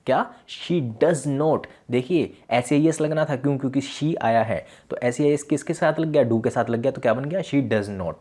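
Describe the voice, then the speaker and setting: A man teaching English grammar in a classroom lesson, asking himself questions and answering them, and reading each example sentence slowly and repeating it. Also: medium pitch, darkish tone.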